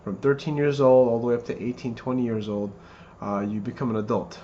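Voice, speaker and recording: Male, 30s, mid-pitched, earnest best man rehearsing a wedding toast; dull lo-fi sound with background noise. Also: level tone, fairly quick, mellow. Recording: muffled lo-fi, clear background noise.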